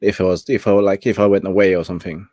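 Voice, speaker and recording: A man's voice: deep voice, steady tone, rapid-fire, darkish tone, dry recording. A young man hosting a casual late-night chat, laid-back and laughing often as he talks. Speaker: host.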